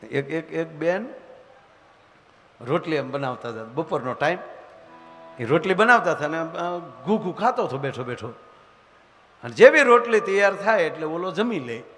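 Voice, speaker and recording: A man's voice: on the high side, moderate pace, pauses often, soft background music. Man telling comic village stories. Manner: animated rustic storytelling, acting out voices. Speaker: folk comedian. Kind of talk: live comic storytelling. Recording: reverberant stage hall.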